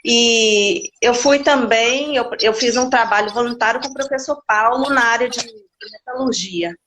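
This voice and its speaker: A woman's voice: a little high, normal speed, a bit bright, a little hiss or hum. A woman in her forties from Minas Gerais, a guest chatting candidly in an interview, often restarting her sentences. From Minas Gerais, Brazil. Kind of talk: casual interview chat.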